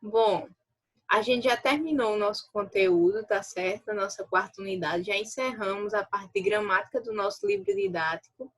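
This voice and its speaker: A woman's voice: mid-range voice, expressive, moderate pace. A Brazilian woman teacher giving a recorded video lesson, explaining step by step and checking in with her students often. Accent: Brazilian Portuguese. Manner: explanatory, checks in with frequent rhetorical tags.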